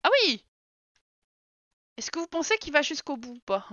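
A woman streaming a game live, with a high voice and a bright edge to it. She chats with viewers, laughs often and reacts out loud to the game. The sound is close and dry, a little dull. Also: animated, quick pace, no room sound.

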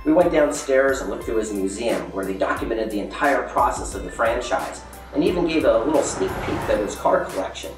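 In a low-quality recording, a man in his forties narrates a casual documentary vlog at various indoor and outdoor locations, sounding upbeat and chatty and laughing a lot. His medium-pitched voice is animated and brisk, echoing in a room, far from the mic, with music underneath.

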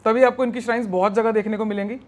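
A high-pitched male exam prep teacher gives a recorded classroom lecture, switching between Hindi and English in a steady tone. He slows down to spell out terms and keeps checking in with his students by asking "right?".

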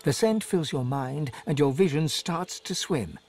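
A man narrating a game story in an expressive, dramatic scripted style. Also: a little high, a little slow, slight background noise. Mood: calm. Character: male storybook narrator, vivid.

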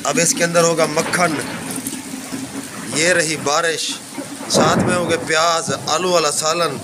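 A man's voice: on the high side, heavy background noise. A man with a Pakistani accent narrating a casual village vlog outdoors in the rain, devout and chatty. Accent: Pakistani Urdu. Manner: chatty and devout, often saying mashallah. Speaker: village vlogger filming and narrating. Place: rural courtyard in the rain, outdoors.

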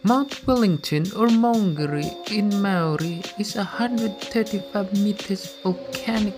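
A man's voice: high-pitched, unhurried. A young man presenting a hiking vlog as a vlogger, partly in scripted narration. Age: young adult. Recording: loud music over the voice. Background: loud music.

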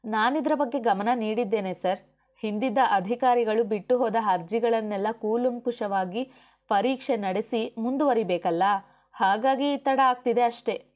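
ಮಹಿಳೆ ನಟಿಸುವ ದಿಟ್ಟ ಯುವ ಅಧಿಕಾರಿಣಿ. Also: female voice, a little high, normal speed, a little mellow, natural voice. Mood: defiant. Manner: firm, argumentative. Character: outspoken young woman officer, principled wife. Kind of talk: audiobook character voice.

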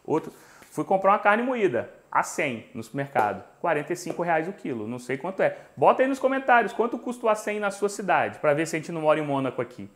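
A man's voice: on the high side, fast talker. A man in his forties with a Brazilian Portuguese accent, hosting a live cooking stream from his home kitchen and chatting with viewers. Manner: animated storytelling, chatty and joking with viewers. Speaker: cooking show host. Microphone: lapel mic.

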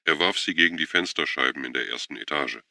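A man narrates a novel in a steady, measured way. His voice is extremely deep and gravelly, yet crisp and bright in tone, and it is recorded dry and close with no room sound. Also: no echo. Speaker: audiobook narrator. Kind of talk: scripted narration.

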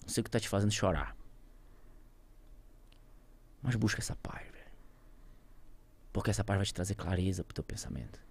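A man with a Brazilian Portuguese accent, a podcast guest telling an emotional story with conviction, shifting from loud outbursts to near-whispers. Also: fairly high pitch, husky, no room sound. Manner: speaks with conviction, addresses viewers directly.

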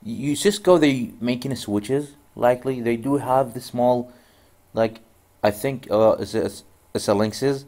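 In a measured, dark-toned voice at mid-range pitch, a networking instructor whose first language is Arabic talks through a screen-recorded tutorial. His speech is loose and rambling, with repeated restarts.

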